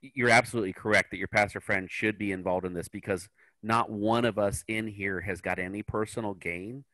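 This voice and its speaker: A man speaking casually in a meeting, in a halting way that repeats words. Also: lowish voice, fairly even intonation, bright, forceful tone, no room sound, rough recording. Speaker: salesman, roundtable participant.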